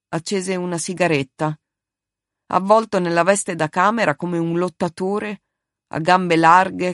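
A woman reading a novel aloud as narrator, steady and measured. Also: on the low side, no room sound, studio quality.

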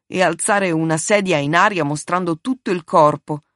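A woman reading a novel aloud as narrator, steady and measured. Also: lowish voice, dry recording.

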